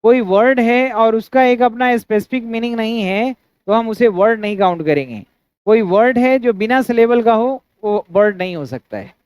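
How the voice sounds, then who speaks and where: High-voiced Indian man teaching grammar. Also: moderate pace, darkish tone, clean tone, dry recording. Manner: asks students frequent checking questions; spells out words syllable by syllable. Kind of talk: classroom grammar lecture. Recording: dry, dull lo-fi sound.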